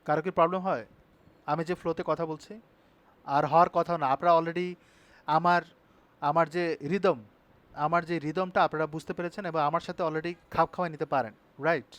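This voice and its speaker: High-voiced man teaching a web design class. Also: steady tone, a bit bright. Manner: brisk, checks in with students often. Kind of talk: live online class tutorial.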